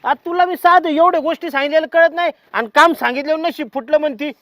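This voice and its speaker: A man's voice: very high voice, quick pace, pushed and bright, dry recording. A man playing a bossy, nagging village husband. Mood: scolding. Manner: nagging, barking orders, repeats words. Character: bossy scolding village husband, middle-aged. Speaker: actor. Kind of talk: village short-film acting.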